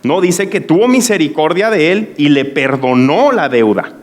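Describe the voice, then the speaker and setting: A man's voice: a little high, animated, normal speed. A man preaching a sermon as pastor, earnest and emphatic, often checking in with his listeners. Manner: emphatic, repeats key phrases.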